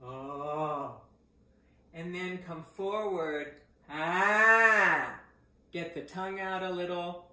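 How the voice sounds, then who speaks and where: A middle-aged woman teaching voice exercises. She breaks into loud vocal sounds to show each exercise. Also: fairly low pitch, flat delivery, normal speed, few pauses. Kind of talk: voice exercise lesson. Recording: echoey room.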